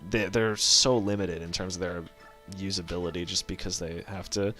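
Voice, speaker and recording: A man's voice: low-pitched, steady tone, normal speed, bright, forceful tone, faint music behind. A man giving casual gameplay commentary as a let's play host, rambling, correcting himself and swearing offhand as he thinks aloud.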